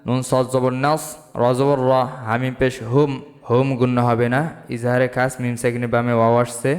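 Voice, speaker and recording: A man teaching Quran reading, spelling out each letter and vowel mark syllable by syllable and then chanting the verses slowly in melodic recitation. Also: medium pitch, level tone. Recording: long hall reverb with faint music.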